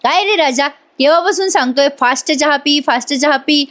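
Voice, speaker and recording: A man's voice: extremely high pitch, moderate pace, bright, forceful tone, voice pushed up. A woman voicing a joking young man of the household in a spoken serial retelling. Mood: bantering. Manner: bantering.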